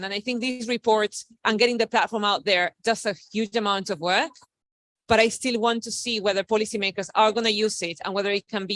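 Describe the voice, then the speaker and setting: A woman's voice: medium pitch, a bit bright, dry recording, poor audio. A woman researcher speaking on a panel, fluent and emphatic, using rhetorical questions. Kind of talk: panel discussion remarks.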